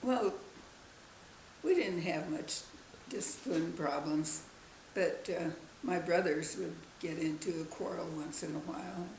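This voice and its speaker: Gravelly elderly woman recalling slowly. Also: lowish voice, darkish tone, roomy sound, slight background noise, poor audio. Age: 90s. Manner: slow, halting recollection. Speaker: interviewee, grandmother. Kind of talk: casual family interview.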